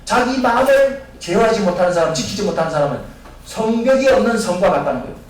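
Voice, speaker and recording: A man's voice: sits high, animated, quick pace. A male pastor preaching a sermon in church, firing questions at the congregation and acting out the voices of people in Bible stories. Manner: asks the congregation questions and answers them himself. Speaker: senior pastor. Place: church sanctuary. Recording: echoey church from a distance.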